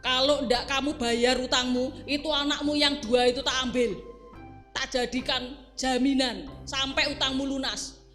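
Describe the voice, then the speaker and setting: A woman's voice: sits high, steady tone, moderate pace, long reverb tail, faint music behind. A woman voicing a harsh, burly male debt collector who barks orders in a children's story. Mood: bullying. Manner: loud, barking commands.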